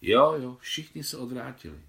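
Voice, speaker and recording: A man's voice: medium pitch, very animated, vocal fry, a bit bright, pitched above the performer's own voice. A man reading a novel aloud, voicing an imperious older woman who speaks bluntly and knowingly. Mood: commanding.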